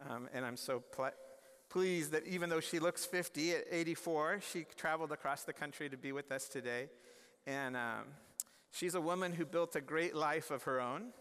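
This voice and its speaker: A man in his forties gives a chapel address in an earnest, conversational way, often restarting his sentences. His voice sits a little high for a man. A long reverb from the large hall trails each phrase. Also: normal speed, fairly bright tone, smooth. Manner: gestures and moves about the stage. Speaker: chapel speaker. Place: large university chapel stage.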